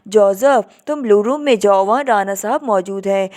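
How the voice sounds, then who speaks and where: A woman's voice: medium pitch, darkish tone, natural voice. A woman voicing a young man posing as a secretary, speaking politely and with a smile. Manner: polite, smiling, smooth-talking.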